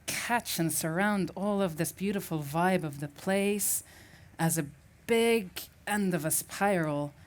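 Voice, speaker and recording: A Syrian woman whose native language is Arabic speaks as a festival speaker, sharing a reflective personal story and often restarting as she searches for words. Her voice is deep, with a darkish tone.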